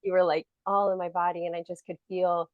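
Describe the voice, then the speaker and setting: A woman's voice: on the low side, level tone, a little fast, dry recording, phone-quality sound. A woman co-hosting a podcast in casual chat, rambling with lots of "like" fillers. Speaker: podcast co-host.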